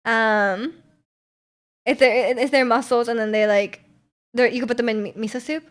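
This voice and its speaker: In a casual stream, a young woman goes through viewer comments at a moderate pace, her slightly high voice holding a fairly even intonation. Her talk rambles, full of fillers and restarts, and she laughs a lot.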